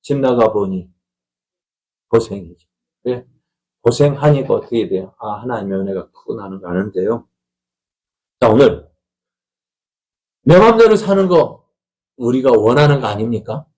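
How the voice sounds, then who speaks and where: A man's voice: fairly low pitch, moderate pace, long pauses, darkish tone, poor audio. A middle-aged man, a pastor, preaching a conversational Sunday sermon in a church, asking the congregation questions and acting out family quarrels. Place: church sanctuary.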